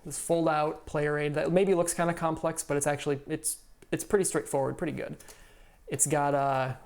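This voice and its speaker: A man's voice: a little high, creaky. A man streaming live from home, explaining a solo board game in an easygoing way and thinking aloud with lots of fillers. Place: home room.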